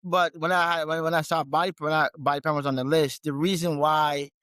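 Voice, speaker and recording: A man from Guyana, a gym owner and trainer, chatting casually as a podcast guest, relaxed and often restarting his sentences. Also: on the high side, fairly quick, clean tone, no echo. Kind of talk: casual interview conversation.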